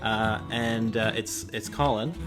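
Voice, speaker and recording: A man's voice: fairly low pitch, steady tone, unhurried, music in the background. Upbeat chatty man from Canada. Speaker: podcast host. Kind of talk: casual podcast chat.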